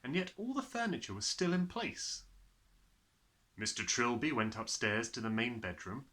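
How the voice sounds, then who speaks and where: An audiobook reader, a man with a medium-pitched voice, reads a children's story aloud at a normal speed. His narration is expressive.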